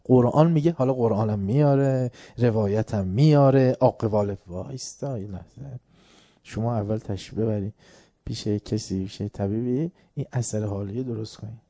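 A man's voice: fairly low pitch, mellow, dry recording, clean studio sound. A man giving a religious lecture, telling anecdotes and acting out the dialogue, growing emphatic as he makes his points. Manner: storytelling, acts out dialogue, grows emphatic.

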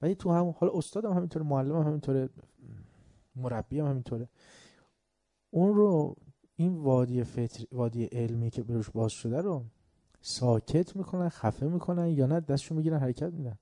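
Very dark-voiced man giving an emphatic religious lecture. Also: medium pitch, no room sound, clean studio sound. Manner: emphatic, repeats word lists, asks rhetorical questions; tells folk anecdotes, acting out the characters.

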